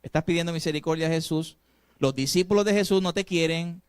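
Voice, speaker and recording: A male pastor delivering a sermon, preaching emphatically and swinging between loud and soft passages while asking the congregation rhetorical questions. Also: on the high side, brisk, clear, resonant tone, dry recording.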